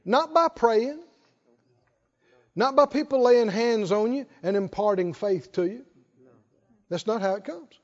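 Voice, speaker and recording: A man's voice: extremely high pitch, measured pace, pauses often, highs cut off. A male pastor preaching a sermon, emphatic, prompting the congregation with short questions.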